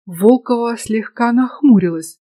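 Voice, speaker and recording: A woman narrating a first-person story in an even, steady manner. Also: on the high side, measured pace, no room sound. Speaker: audiobook narrator. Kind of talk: scripted narration.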